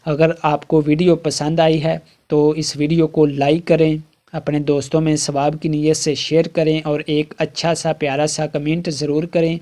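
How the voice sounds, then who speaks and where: A man teaching Quran reading, sounding out letters and vowel marks slowly and carefully, with quick plain explanations in between. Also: fairly high pitch, little pitch movement, mellow. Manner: drawn-out, carefully articulated syllables with brisk explanatory asides. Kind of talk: slow letter-by-letter recitation drill.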